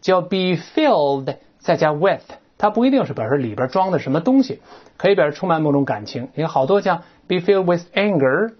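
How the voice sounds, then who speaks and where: Woman, English teacher, textbook lesson, chatty rhetorical asides, lively pitch, dull lo-fi sound. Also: brisk. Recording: dull lo-fi recording.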